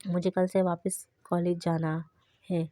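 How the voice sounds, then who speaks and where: A woman reading the lines of a playful, mischievous young man in an audiobook novel, in a flat, even voice. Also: lowish voice, dry recording, natural voice. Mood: teasing.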